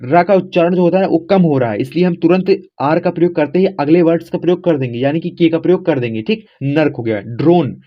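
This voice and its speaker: Guy teaching a lesson, spells it out letter by letter, keeps saying ok, bit high voice, muffled recording. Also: fast, few pauses. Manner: repeats "theek" constantly, spells letters aloud step by step; addresses viewers as friends, informal. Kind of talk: casual classroom explanation. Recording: dull lo-fi recording.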